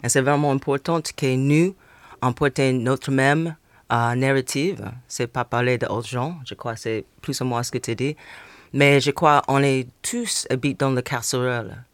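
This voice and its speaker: A man, a native English speaker, discussing literature as a panel guest in halting, foreign-accented French with English words slipped in. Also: mid-range voice, fairly even intonation, no room sound.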